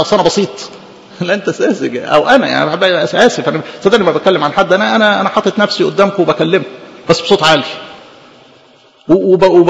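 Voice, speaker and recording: A man with an Egyptian accent preaching a sermon in an animated, conversational way, full of rhetorical questions. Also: high-pitched, vocal fry, in a large hall, muffled recording. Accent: Egyptian Arabic.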